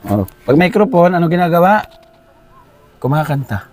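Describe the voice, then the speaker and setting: A man's voice: a little high, sing-song, normal speed, a little mellow. A man hosting a vlog, chatting casually and teasing his guest outdoors at a rural house. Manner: playful, teasing. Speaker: vlogger host. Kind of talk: casual chat.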